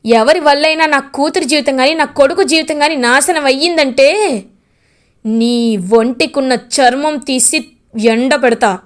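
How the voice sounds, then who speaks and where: A woman's voice: sits high, measured pace. Woman voicing a fierce stern mother-in-law. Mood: furious. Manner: shouting, threatening.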